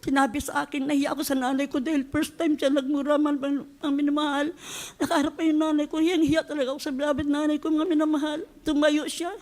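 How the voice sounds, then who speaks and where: Church testimony speaker: fervent middle-aged woman, high voice. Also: level tone, quick pace, darkish tone. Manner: fervent, repeats a fond address to the congregation often. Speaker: church member giving testimony.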